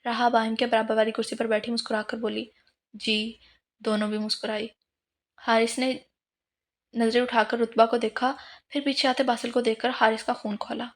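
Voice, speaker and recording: A woman reads a romance novel aloud with steady, scripted narration. Her voice is slightly high and holds a flat, level tone. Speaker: novel reader.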